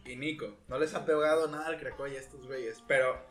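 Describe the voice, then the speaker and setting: A man's voice: medium pitch, a little fast. A young man with a Mexican Spanish accent, co-hosting a casual chat and acting out his stories with lots of laughter. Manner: animated storyteller, acts out quotes, laughs often. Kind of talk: casual chat among friends. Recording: roomy sound with faint guitar music.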